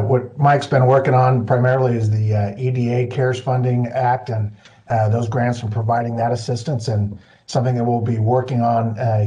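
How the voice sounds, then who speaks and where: A man presenting an update in a virtual meeting, with a flat, filler-heavy delivery. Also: mid-range voice. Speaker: disaster recovery coordinator. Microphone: video call.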